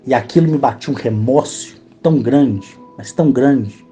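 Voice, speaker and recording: A man with a Brazilian Portuguese accent telling his experiences in phone voice messages, earnest and emotional, slowing to a solemn pace when he quotes himself. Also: mid-range voice, dark tone, soft background music. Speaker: channel host recounting alien contact experiences. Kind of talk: storytelling in recorded voice messages.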